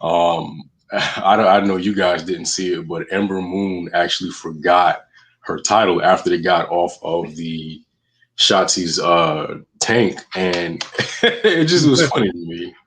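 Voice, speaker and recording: Male podcast host, deep voice, casual conversational delivery. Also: slow pace, fairly bright tone, low-quality recording. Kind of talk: casual hosting chat.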